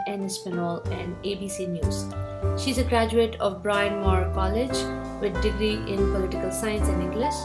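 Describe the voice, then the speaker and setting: A woman hosting a podcast, reading out a guest introduction in a scripted, even way, then asking questions. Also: medium pitch. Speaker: podcast host.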